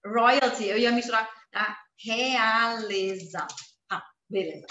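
A woman teaching a live online language lesson, explaining slowly, repeating words and checking in with her viewers. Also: fairly high pitch, pushed and bright, roomy sound, highs cut off, slight background noise. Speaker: German teacher.

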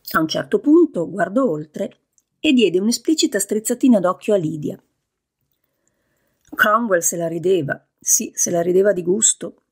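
Woman narrating with a husky, gravelly voice. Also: lowish voice. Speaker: audiobook narrator. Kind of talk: scripted narration.

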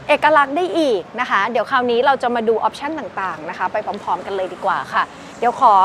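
Young woman, bright high register, effusive dealer-style car walkaround, slight background noise. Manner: chatty and gushing, addresses viewers directly. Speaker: used car sales presenter. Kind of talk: enthusiastic car walkaround review.

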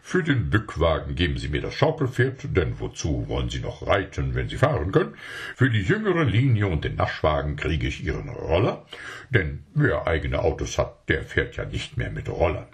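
Ein Mann spricht einen schlauen, überredenden Verkäufer in einer Kindergeschichte, der eifrig um Geschäfte feilscht. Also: male voice, a bass voice, wildly swooping pitch, vocal fry, exaggerated voice. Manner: wheedling, fast bargaining talk. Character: smooth-talking male salesman, scheming, persuasive.

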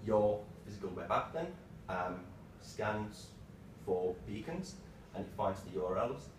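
A man in his thirties giving an informal tech lightning talk in short, halting phrases. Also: lowish voice, animated. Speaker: tech presenter, developer. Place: small meeting room, indoors. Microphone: far camera microphone. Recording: roomy, distant mic with clear background noise.

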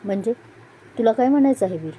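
A quick-tempered young husband bristles at his younger brother's teasing, as a woman storyteller reads him. The tone is dark and mellow. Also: on the high side, lively intonation, slight background noise, close to an everyday voice, rough recording. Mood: defensive. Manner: irritated, sharp.

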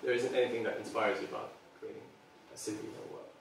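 Speaking at a quick pace in a voice on the low side, a Serbian product designer in his thirties gives an earnest public talk to a small audience, with many ums. The far camera in the meeting room leaves heavy reverb and a little hiss or hum.

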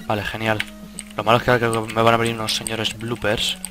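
A young gaming YouTuber with a Spain Spanish accent gives casual let's play commentary in a lowish, completely flat voice at a fast clip. He swears and cuts himself off mid-sentence, with game music playing behind him.

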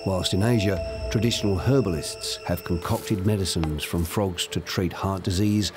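Deep-voiced man narrating a nature documentary. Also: moderate pace, music in the background.

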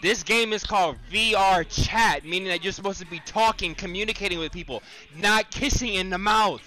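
A man's voice: high voice, moderate pace, bright, forceful tone, faint music behind. A man streaming a virtual reality game, scolding and lecturing the other players in casual banter, repeating himself and talking over them.

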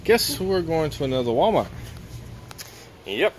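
A man's voice: fairly high pitch, big pitch swings, measured pace. Chatty man vlogging. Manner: chatty and upbeat, talks to viewers as he goes. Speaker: vlogger and truck driver. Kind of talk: casual vlog narration to camera. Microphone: handheld camera. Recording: noisy handheld recording.

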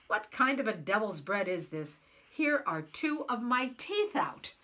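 A boastful, greedy bully of a giant, as a woman reading a storybook puts him on. He blusters and hollers, drawing out his words slowly. His pitch swings widely as he roars. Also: sing-song, a bit bright. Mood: blustering. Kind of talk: storybook read-aloud.

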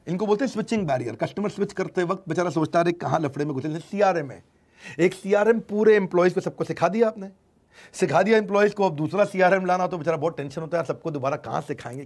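A man giving an informal business lecture in a lively, emphatic way, now and then acting out what customers say. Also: high voice. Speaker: business teacher.

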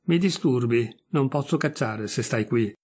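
A man voicing a stern, steady male hunting dog that calmly insists in a storybook reading. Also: mid-range voice, measured pace, slightly rough. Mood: firm.

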